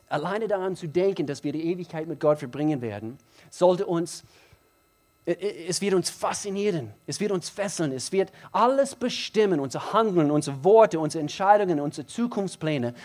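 A man delivering a sermon in a fairly high voice. He is emphatic and repeats key phrases, swinging from hushed, intimate passages to loud, driving emphasis. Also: lively intonation, moderate pace. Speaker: preacher.

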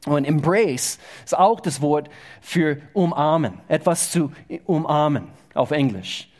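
A male pastor preaching a sermon in a halting way, often repeating words as he goes. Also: fairly high pitch, expressive, darkish tone. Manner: halting, repeats words, informal slightly unidiomatic German.

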